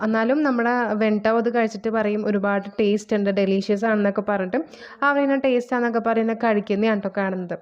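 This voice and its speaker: A woman's voice: fairly high pitch, highs cut off. A woman retelling a drama's plot in a casual, chatty way, often adding friendly asides to her sentences. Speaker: drama recap narrator.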